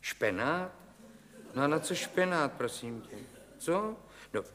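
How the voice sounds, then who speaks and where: A man's voice: fairly high pitch, expressive, a bit bright. A man playing a fussy, stammering psychiatrist who is henpecked at home, in a television comedy sketch. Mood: exasperated. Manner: fussy, stammering, repeating "ano". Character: harried male psychiatrist, henpecked husband. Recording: reverberant studio, live audience laughing.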